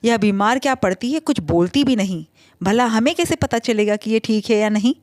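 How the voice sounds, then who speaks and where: A woman narrates a family story in the first person, talking conversationally and stumbling now and then. Her voice sits fairly high, and the recording is close and dry. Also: normal speed, darkish tone, no echo. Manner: conversational, with small slips.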